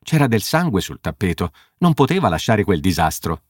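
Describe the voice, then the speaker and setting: A man reading an audiobook voices a calm, unbothered butler who answers matter-of-factly. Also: low-pitched, normal speed, no room sound, clean studio sound. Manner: matter-of-fact.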